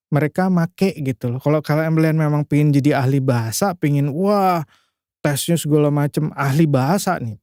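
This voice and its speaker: A man's voice: fairly high pitch, warm tone, no room sound, clean studio sound. A man from Indonesia teaching English in a casual, chatty screen-share lesson, with loose phrasing and frequent restarts. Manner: chatty, loose, many filler tags and restarts. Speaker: English tutor.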